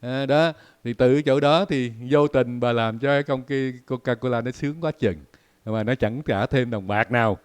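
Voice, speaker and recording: A man from Vietnam talks through his own commentary show in a loose, unscripted way. His voice is smooth and resonant, at an ordinary pitch, and he leans on constant "à" and "ờ" fillers. He often stops to repeat words and draw out spoken examples. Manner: many filler "à" and "ờ", repeats words while thinking; explains by drawn-out spoken examples. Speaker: host. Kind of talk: casual commentary monologue.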